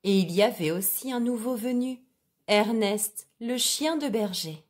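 Slow-reading woman storyteller. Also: on the high side. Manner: slow, clear and expressive.

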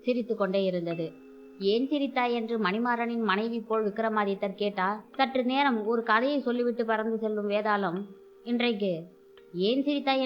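A woman's voice: medium pitch, dull audio. A woman hosting a storytelling show, reading a folk tale aloud and raising her voice for the characters' lines. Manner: acts out character lines in a raised voice. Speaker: storyteller host.

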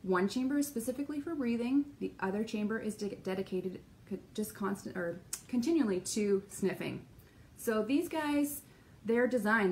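A chatty woman with a gravelly, fry-tinged voice talks casually to camera about caring for dogs. Her delivery is playful and dryly joking, sitting at a middling pitch. Faint background noise hums under her voice from an indoor shop. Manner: chatty, playful, lively explaining. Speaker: aromatherapist and shop staff. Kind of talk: casual educational talk to camera.

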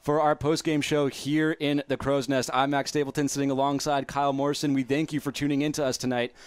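Casting: young male sports host, smooth resonant voice, dry close headset sound. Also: mid-range voice, level tone, fairly quick, no echo. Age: young adult. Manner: upbeat, polished broadcaster delivery. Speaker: postgame show host. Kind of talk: sports postgame recap. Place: stadium broadcast booth. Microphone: headset mic.

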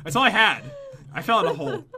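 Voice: medium pitch, big pitch swings, quick pace. A let's play host in casual gameplay banter, jokey and teasing, often breaking into laughter and yelps. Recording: faint background noise.

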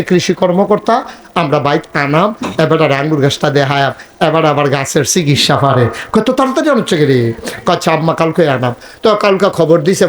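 High-voiced man telling a comic sermon. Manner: storytelling with acted dialogue, bursts into high shouting. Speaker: preacher. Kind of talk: humorous village sermon.

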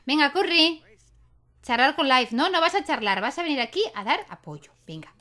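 A young woman who makes gaming videos on YouTube chats casually while playing a life-simulation game, talking to her characters as she goes. Her voice sits high and swings widely in pitch, bright and forceful, at a moderate pace.

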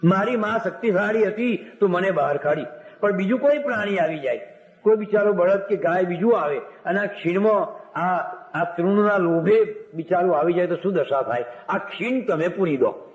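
A man's voice: sits high, normal speed. A man telling devotional stories as a sermon, narrating old myths, voicing the characters and breaking into sung verses. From Gujarat, India. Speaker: religious storyteller. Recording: echoey hall recording.

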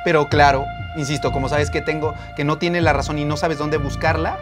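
Un médico que hace vídeos de reacción, con acento mexicano. Lanza réplicas sarcásticas sobre un fondo musical constante. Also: male voice, a little high, little pitch movement, brisk, over music. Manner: sarcastic, retorting. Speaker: YouTuber doctor reacting to clips. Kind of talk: reaction commentary.

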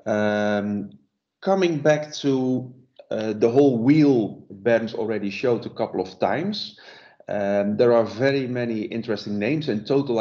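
A man giving a relaxed sales presentation in a webinar over a video call, with many fillers and restarts. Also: lowish voice, muffled recording.

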